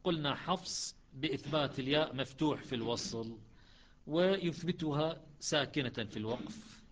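A man teaching the variant readings of the Quran, chanting verses slowly and then explaining them in quick speech. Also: on the high side.

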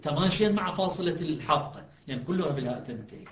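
A man gives a classroom lecture and walks through each point slowly, checking that everyone follows. His voice sits a little high for a man. The sound is muffled and bounces around an echoey room. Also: expressive, a crowd in the background. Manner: explanatory, asks students if it is clear. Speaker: teacher of Quran recitation and grammar.

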